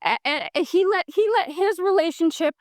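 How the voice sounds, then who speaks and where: A woman's voice: very high voice, expressive, moderate pace, no room sound, studio quality. A middle-aged woman, a plaintiff in court, complaining indignantly and cutting in.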